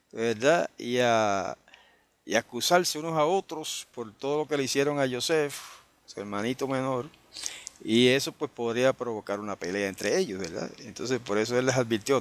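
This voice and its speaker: A male preacher explaining a scripture passage to his congregation in a sermon, often checking in with quick tag questions and restarting phrases, and slowing down to read the verses aloud. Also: medium pitch. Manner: reads scripture aloud in a slower, lifted tone. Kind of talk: Bible study sermon.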